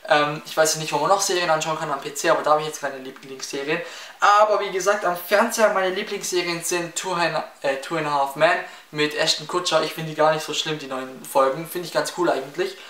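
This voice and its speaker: In a casual Q&A vlog, a seventeen-year-old Swabian speaker from near Stuttgart, Baden-Württemberg, chattily answers viewers' questions, stumbling into fillers and restarts. His brisk voice is a little high, pushed and bright, with fairly even intonation. He's in a small indoor room with window blinds, captured in echoey acoustics on a slightly distant mic.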